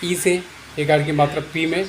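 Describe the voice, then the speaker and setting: A man's voice: on the high side, flat delivery, moderate pace, background noise. A man giving a patient, repetitive lesson at a board, often checking that his students understand. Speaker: teacher. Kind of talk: whiteboard English lesson. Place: room with a board.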